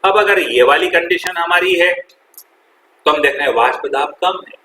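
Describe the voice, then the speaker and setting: A male teacher lectures in a bright, forceful voice, firing questions at the class and echoing back their answers. His voice rings around an echoey classroom with a faint hiss beneath it. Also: on the high side, normal speed. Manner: quizzes students and repeats their answers, calls them "beta". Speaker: chemistry teacher. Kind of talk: classroom lecture with call-and-response.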